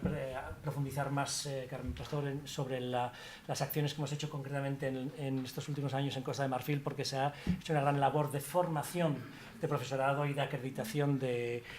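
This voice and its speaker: A middle-aged man, academic director of an institute, speaks on a colloquium panel in a brisk, flat, medium-pitched voice. He rambles with many restarts, fillers and informal asides. There is slight background noise.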